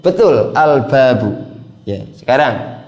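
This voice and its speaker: A man's voice: medium pitch, lively intonation, slow pace, a little mellow, echoey room, muffled recording. A man teaching an Arabic grammar class, patiently repeating words and prompting students by name.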